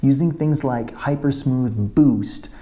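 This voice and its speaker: In a step-by-step video tutorial, a motovlogger methodically covers camera and export settings while filming himself on a tripod. He talks slowly in a mellow, medium-pitched voice.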